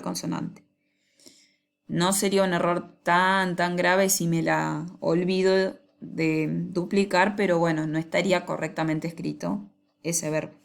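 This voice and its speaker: Gravelly-voiced woman teaching grammar. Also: lowish voice. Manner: patient, slows down on examples. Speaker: English teacher. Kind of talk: explaining grammar to students.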